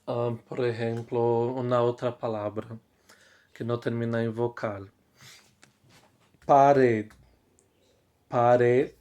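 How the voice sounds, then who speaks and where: A male Spanish teacher giving a slow classroom explanation, repeating each word and checking in with his students. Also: mid-range voice, monotone, warm tone.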